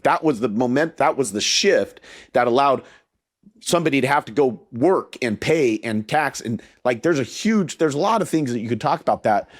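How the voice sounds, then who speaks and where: A man in his fifties with a voice of middling pitch talks as a guest in an easygoing interview. He sounds earnest and heartfelt. He often repeats a word or two as he restarts a thought. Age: 50s. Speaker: podcast guest. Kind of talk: casual interview talk.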